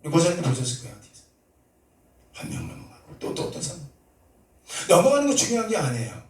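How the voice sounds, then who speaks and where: A male pastor preaching a sermon, telling a story and acting out prayers and dialogue, sometimes rising to loud, fervent cries. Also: a little high, huge pitch swings, quick pace. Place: church sanctuary. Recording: echoey church hall, mic at a distance.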